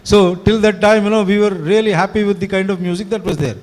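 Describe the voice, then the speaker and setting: Speaking quickly in a high, slightly mellow voice with fairly even intonation, this man in his sixties chats conversationally to a live audience. A Tamil-native event organizer, he rambles fluently in a blend of Hindi and English, saying "you know" often, and the hall adds long reverb.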